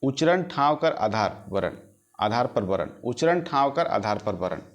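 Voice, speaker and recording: A male teacher gives a grammar lesson for exam prep in a voice of ordinary, middle pitch. He goes over each phrase more than once and draws out single letters slowly so they can be heard. Every few points he stops to ask whether it is clear. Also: very animated, lo-fi sound. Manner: repeats phrases, sounds out letters slowly, checks if students follow.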